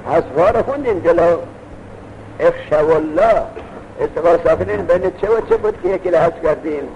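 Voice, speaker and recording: Reading texts aloud and asking rhetorical questions, a man with a fairly high, darkish voice delivers a classroom lecture on Arabic grammar. Faint noise runs through the dull, lo-fi recording.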